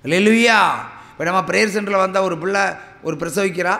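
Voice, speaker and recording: A middle-aged man, preaching a sermon and telling a personal story, with dramatic swings between loud exclamations and low murmurs. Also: fairly even intonation, fast talker, creaky. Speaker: pastor. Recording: long hall reverb.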